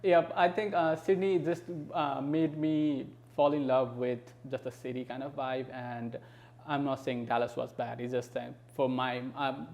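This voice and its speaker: A man's voice: medium pitch, little pitch movement, a little slow, creaky, a little mellow. A young man from Nepal, chatting loosely as a podcast guest with plenty of fillers. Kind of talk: casual conversation.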